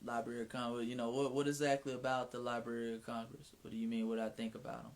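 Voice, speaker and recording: A man with a Southern drawl carrying a Mississippi twang talks freely in a relaxed livestream chat, frank and loose with slang and profanity. His voice sits at an ordinary middle pitch, and he often restarts his sentences. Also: fast talker. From Atlanta, US. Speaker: author hosting his own livestream.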